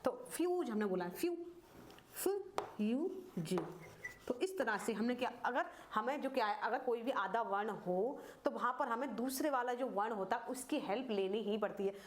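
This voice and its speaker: Female tutor, higher register, explains spelling step by step with repeated words and rhetorical questions. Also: slight background noise. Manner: slow, repeats words and asks questions to the viewer. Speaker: Hindi teacher. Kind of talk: classroom-style grammar lesson.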